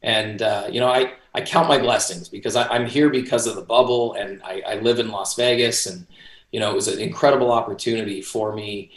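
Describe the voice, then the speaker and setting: A man's voice: fairly low pitch, fairly even intonation, brisk. A man in his forties talking casually as an interview guest over a roomy, echoey video call. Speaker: interview guest, boxing ring announcer. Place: small home office, indoors. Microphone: video call, computer mic at desk distance.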